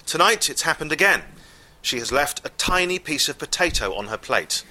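A man telling a comic story live, wry and exasperated, with deadpan asides. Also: fairly high pitch, normal speed.

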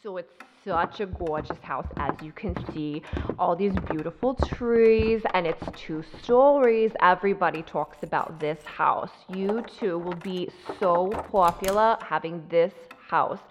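A woman's voice: fairly low pitch, a little slow, close to an everyday voice. A woman playing a boastful real estate agent who gushes eagerly while showing a house. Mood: gushing. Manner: eager sales gush. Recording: dull lo-fi recording with faint noise.

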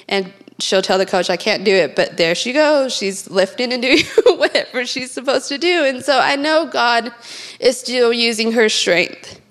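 Middle-aged woman, earnest and halting, sharing a testimony in church. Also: on the high side, a bit bright. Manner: earnest, with many fillers and restarts.

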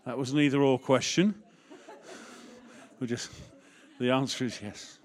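Conversational vicar preaching. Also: male voice, medium pitch, fairly even intonation, a little slow. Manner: candid, conversational preaching with jokes and asides. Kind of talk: sermon.

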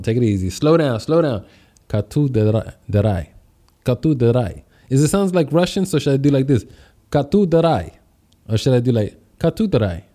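Upbeat, slangy man hosting a livestream, mellow voice. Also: mid-range voice. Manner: upbeat, exuberant greetings and shout-outs; slangy, conversational. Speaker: podcast host and public speaker. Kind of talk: casual live stream chat with viewers.

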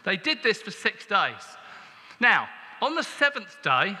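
A man's voice: sits high, sing-song, unhurried, sharp tone, big-room sound. A man preaching a sermon in a church, with a conversational, humorous and emphatic way of talking.

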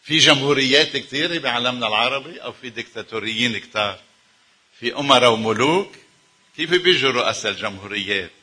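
A man with a Lebanese accent preaches to his congregation in an emphatic sermon style. His voice is very bright and tense, with a husky, breathy edge. He keeps throwing rhetorical questions at his listeners. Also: medium pitch, lively intonation, fast talker. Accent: Lebanese Arabic.

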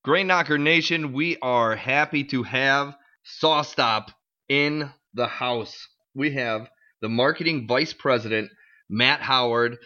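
A man's voice: medium pitch, sharp tone, lo-fi sound. A man co-hosting a casual podcast, laid-back and teasing. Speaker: podcast co-host.

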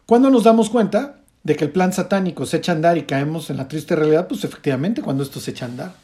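Male Bible teacher, raised pitch, warm mellow tone, explains scripture in a conversational way with frequent check-ins. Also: fast. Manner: keeps checking in with a questioning "ok?"; explains scripture, then comments on it pointedly.

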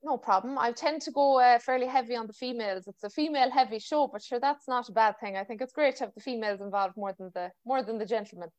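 A woman's voice: fairly high pitch, fast, few pauses, darkish tone, no echo. A woman with a West of Ireland accent hosting a podcast in a chatty, informal interview style. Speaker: podcast host. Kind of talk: casual interview chat.

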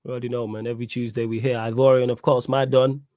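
Fast-talking London man hosting, dry sound. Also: mid-range voice, little pitch movement, dark tone, no room sound. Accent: London, urban. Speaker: host of a football fan livestream. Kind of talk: casual hosting with slang.

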